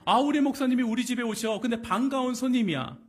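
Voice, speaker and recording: A man's voice: extremely high pitch, fast. A man preaching a Sunday sermon as pastor, asking the congregation rhetorical questions and acting out quoted pleas. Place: church sanctuary.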